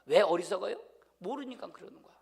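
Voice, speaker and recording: A male pastor preaching a Sunday sermon with many rhetorical questions, swinging between loud exhortation and hushed asides. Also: high voice, animated, quick pace, gravelly, slightly rough, long reverb tail. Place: church sanctuary.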